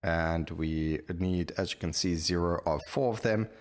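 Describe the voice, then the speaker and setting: Speaking with a deep voice at a measured pace, this gameplay video host keeps up casual commentary, wandering from thought to thought as he plays along.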